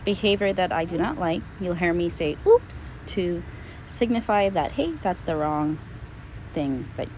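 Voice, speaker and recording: This woman has a lowish, slightly mellow voice and a moderate pace. She chats to the camera during a walk with her dog, handling it and explaining training tips as an owner might. A handheld camera mic records it, with a lot of noise.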